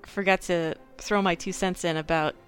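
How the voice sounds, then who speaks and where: A woman's voice: on the low side, steady tone, normal speed, clear, resonant tone, soft background music. Woman co-host chatting casually. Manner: explains translation differences, many ums. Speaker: podcast co-host. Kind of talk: casual chat.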